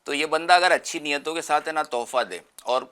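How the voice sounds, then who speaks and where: A man's voice: fairly high pitch, sharp tone, clean tone. A man, a guest on a religious talk show, explaining earnestly through everyday examples. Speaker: guest speaker.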